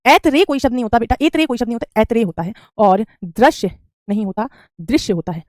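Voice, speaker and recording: Lady teacher, bit high voice, drills words over and over, dry close mic. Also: expressive, rapid-fire, darkish tone, dry recording. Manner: repetitive drilling, calls students beta. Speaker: Hindi teacher. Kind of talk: online class teaching spelling.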